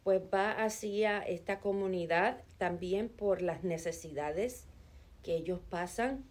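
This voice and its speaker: A middle-aged woman from Chicago answers interview questions conversationally in a low, unhurried voice. She works as an administrative assistant at a nonprofit and sounds calm and earnest, with some hesitation fillers.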